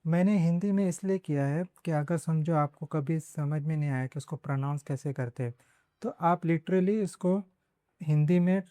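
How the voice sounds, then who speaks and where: A man's voice: fairly high pitch, normal speed, mellow, smooth, no echo. A man teaching a language class, explaining step by step and sounding out words syllable by syllable.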